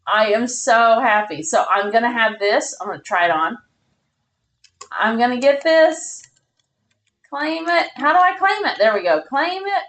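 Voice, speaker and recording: A woman commentating her own live game stream in a bubbly, excitable way, squealing when she wins. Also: on the high side, a little slow.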